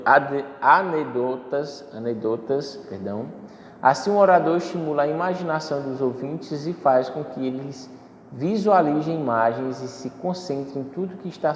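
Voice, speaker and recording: Step by step, a male instructor explains public speaking in a medium-pitched, slightly mellow voice, leaning on fillers and frequently correcting himself. His lecture echoes in a hall with faint ambience and a touch of hiss or hum.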